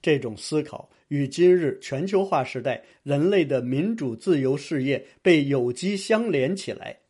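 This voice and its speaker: A man reads a scripted book review aloud in a formal, even-paced way. His voice is mellow and dark. It has a slightly breathy, husky edge. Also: a little high, a little slow. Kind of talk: scripted narration.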